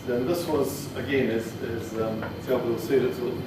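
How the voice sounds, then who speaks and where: Over music, a New Zealand man with a medium-pitched, steady voice speaks at a moderate pace. He's giving a relaxed technical presentation in an indoor training room, plain-spoken and hesitant. The recording is noisy, with room echo and a distant mic.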